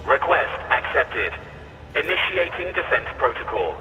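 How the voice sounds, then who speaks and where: A man voicing a dutiful mechanical escort robot in a video game. He speaks in flat, clipped machine announcements, and his voice has a metallic, robotic effect. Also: medium pitch, measured pace, reverberant, far from the mic, dull audio. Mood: clinical. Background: loud game music.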